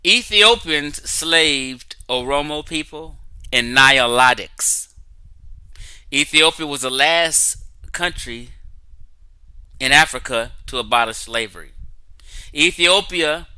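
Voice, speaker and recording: A man with a mid-range voice hosts a casual online talk show livestream, speaking slowly with frequent pauses in a pushed, bright, clean tone. He lectures emphatically, often reads text aloud from his screen, and keeps checking in with his audience with "okay?" and "right?". The recording is rough but has no echo.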